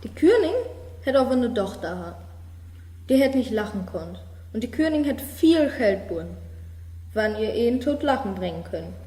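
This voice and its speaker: A woman reading a fairy tale aloud in a slow, measured storytelling manner. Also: on the high side, animated, warm tone. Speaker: reader. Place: studio of a media centre. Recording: roomy hall reverb.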